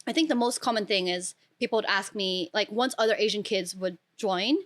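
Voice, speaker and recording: Young woman from portugal, normal pitch, casual podcast guest telling stories. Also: a little fast, a bit bright. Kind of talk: casual chat, telling personal anecdotes.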